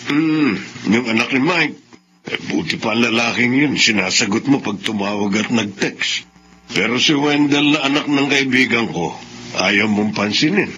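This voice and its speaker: A man's voice: mid-range voice, lively intonation, moderate pace, sharp tone. An actor playing a disapproving, nagging middle-aged Filipino father in an old-style radio drama. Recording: dull, faintly noisy radio drama recording.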